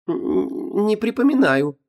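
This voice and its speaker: A sardonic young heroine, put on by a man reading an audiobook, pitched well above his own voice and swinging widely in tone. She stammers and hesitates, then turns her words into sharp sarcasm. The timbre shifts away from the reader's usual sound. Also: big pitch swings, slow, full character voice. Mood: hesitant. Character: sardonic young woman, heroine and restless spirit.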